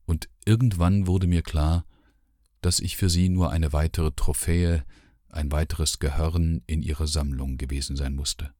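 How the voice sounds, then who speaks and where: A man narrating a literary audiobook in a measured, sombre first-person voice. His voice sits extremely low and unhurried. The recording is dry and close, with no room sound. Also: fairly even intonation, mellow, no room sound.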